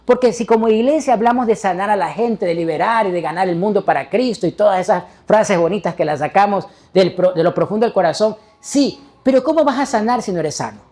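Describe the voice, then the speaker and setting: A man's voice: sits high, a little fast, few pauses, a little mellow. A male pastor delivering a sermon, preaching emphatically and putting rhetorical questions to the congregation.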